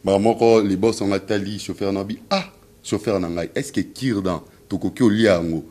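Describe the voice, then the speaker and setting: A man's voice: lowish voice, fairly even intonation, normal speed, mellow. A man with a Congolese French accent, a comedian telling a comic story, theatrical and repeating his catchphrase to the audience. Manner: theatrical, keeps repeating "mesdames et messieurs". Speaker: comedian, cultural host.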